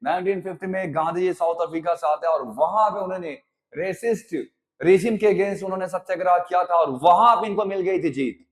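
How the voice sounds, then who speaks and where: A man's voice: high voice, a little fast. A male teacher giving a history lesson, mixing Hindi and English, calling students 'beta' and asking if they follow. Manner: mixes Hindi and English, calls students 'beta', keeps checking "haan ya na?". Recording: long reverb, echoey room.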